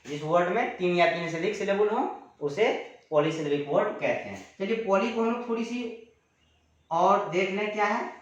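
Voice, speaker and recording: A man's voice: high voice, lively intonation. Echoey male grammar teacher. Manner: explains slowly, repeating definitions, drawing out example words. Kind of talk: classroom lecture. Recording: echoey room, dull lo-fi sound.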